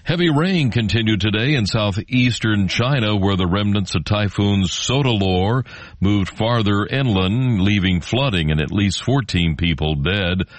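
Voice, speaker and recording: Deep-voiced American male newsreader, close and dry. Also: expressive, unhurried, no room sound. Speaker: radio news anchor. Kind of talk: scripted news reading.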